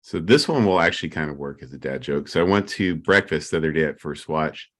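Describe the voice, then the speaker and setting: A man with a very low-pitched voice chats casually as a podcast co-host. He tells jokes in a loose, rambling way, as if talking among friends. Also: expressive, fast talker, a bit bright. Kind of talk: casual joke-telling banter.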